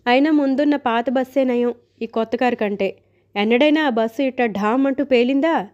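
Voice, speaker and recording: A devout, fretful old mother-in-law who scolds in a slow, raised voice, as a woman reader puts her on. The tone is warm and mellow, and the recording sounds dull and lo-fi. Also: a little high, natural voice.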